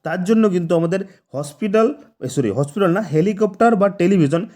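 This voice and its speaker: A man gives a grammar lesson. He speaks patiently, repeats each example slowly and splits it into syllables. He often stops to ask whether the class has understood. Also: sits high, a little mellow. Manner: patient, repeats words syllable by syllable, asks "ঠিক আছে?". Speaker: grammar teacher. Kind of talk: spoken lesson explaining examples.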